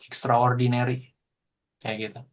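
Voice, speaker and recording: A man teaching a Japanese language class online, explaining in a relaxed, chatty way full of fillers. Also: mid-range voice, a little slow. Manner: explains in relaxed casual Indonesian with frequent fillers.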